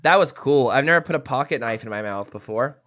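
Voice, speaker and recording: A man's voice: medium pitch, animated, a little fast, a bit bright. A man co-hosting a podcast, joking and rambling in crude casual chat. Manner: goofy, rambling, jokey. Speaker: podcast co-host.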